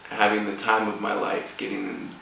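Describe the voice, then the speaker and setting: A man gives an informal motivational speech with a personal story, speaking haltingly in short broken phrases. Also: fairly low pitch, flat delivery, creaky, sharp tone. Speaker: guest speaker at a rugby club event. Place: echoey room, speaking before an audience. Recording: echoey room, distant mic, faint noise.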